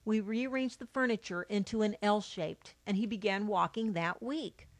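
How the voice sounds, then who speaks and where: A middle-aged woman, a mother, reading aloud a personal account in a steady, matter-of-fact way. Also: medium pitch, normal speed. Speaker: mother of a child with albinism.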